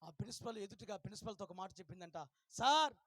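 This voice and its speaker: A male pastor telling a story in a revival sermon, swinging from hushed to shouted and urging the crowd to clap and shout. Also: extremely high pitch, a little fast, no echo, clean studio sound.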